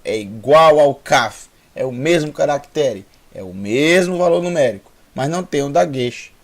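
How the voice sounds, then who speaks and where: A man with a Brazilian Portuguese accent teaching a Hebrew lesson online, drilling sounds slowly and repeating them. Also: mid-range voice, creaky. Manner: slow, repetitive drilling of sounds, with restarts.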